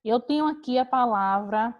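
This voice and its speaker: Female teacher, online class, slightly high voice, patient step-by-step explaining, video call audio. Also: normal speed, lo-fi sound.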